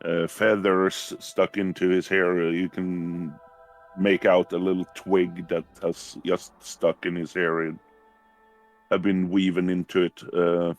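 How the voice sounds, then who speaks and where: A man with a Swedish accent playing a tabletop game, halting with many fillers as he describes things. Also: low voice, level tone, soft background music. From Sweden. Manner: halting, long pauses full of fillers. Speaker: player.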